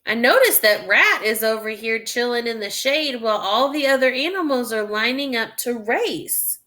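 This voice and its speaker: A woman reads a children's story aloud the way a teacher would, thinking aloud and steering young listeners in a careful, instructive manner. Her voice sits a little high and sounds animated.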